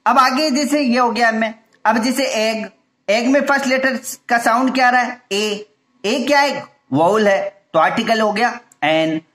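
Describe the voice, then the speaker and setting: A man's voice: very high voice, a little slow, fairly bright tone. A male teacher giving a grammar lesson, explaining step by step and answering his own questions.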